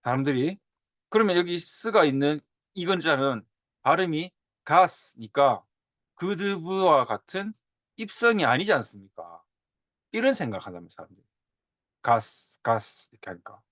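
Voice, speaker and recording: 옛 문헌을 보여 주며 예시 발음을 되풀이해 가며 강의하는 남자 교사. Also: male voice, a little high, normal speed, no echo. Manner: animated, drawls and repeats example sounds. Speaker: teacher. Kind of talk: lecture on old Korean script.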